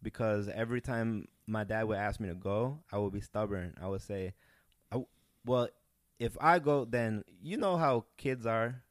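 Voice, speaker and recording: A young man from Peru, a comedian, telling rambling, animated stories in a casual podcast chat. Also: lowish voice, moderate pace, dry recording, studio quality. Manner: rambling, animated storytelling with restarts. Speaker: guest comedian.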